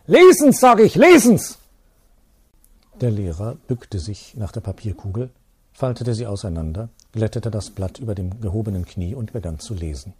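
A man reading a classic story aloud in a calm, measured way. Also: on the low side, a little hiss or hum. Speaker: audiobook reader. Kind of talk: literary reading.

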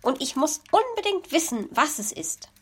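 A woman voicing a nosy, easily outraged female magpie in a children's story, with shrill, dramatic complaining. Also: sing-song, moderate pace. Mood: curious, suspicious. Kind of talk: storybook reading.

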